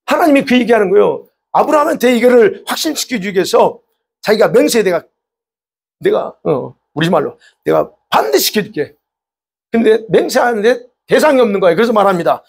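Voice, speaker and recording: Gravelly high-voiced man preaching. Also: lively intonation, fairly quick. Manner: explains by rhetorical questions and repetition; emphatic. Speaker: pastor. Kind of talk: sermon.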